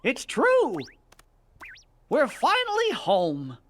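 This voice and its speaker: Lilting little Jiminy Cricket, very animated. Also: male voice, extremely high pitch, very slow, a little hiss or hum, full character voice. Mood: earnest, glad. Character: cheery, earnest little cartoon cricket chronicler, male. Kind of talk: animated video game acting.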